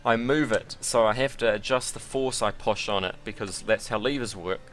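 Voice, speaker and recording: A man's voice: fairly low pitch, moderate pace, fairly bright tone, a little hiss or hum. A man giving casual, rambling and self-deprecating commentary while sim racing.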